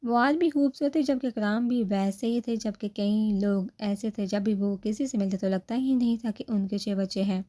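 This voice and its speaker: A woman with a Pakistani accent reading a romance novel aloud as narrator, at a steady storytelling pace. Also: medium pitch, hardly any pauses.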